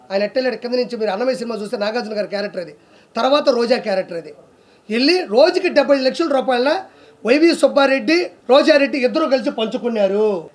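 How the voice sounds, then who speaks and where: A man delivering a heated, accusing political rant, full of scornful rhetorical questions. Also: very high-pitched. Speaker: political commentator.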